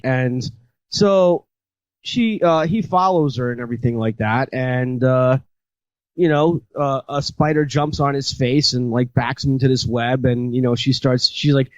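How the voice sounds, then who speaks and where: A man's voice: medium pitch, measured pace, no room sound, muffled recording. A man hosting a podcast, casually retelling a horror movie with many fillers and restarts. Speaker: podcast host. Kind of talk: casual chat.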